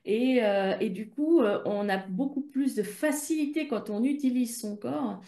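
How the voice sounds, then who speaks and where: A woman with a French accent hosting a podcast, talking gently and guiding listeners. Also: fairly high pitch, unhurried. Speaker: podcast host. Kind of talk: casual podcast interview. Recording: roomy echo.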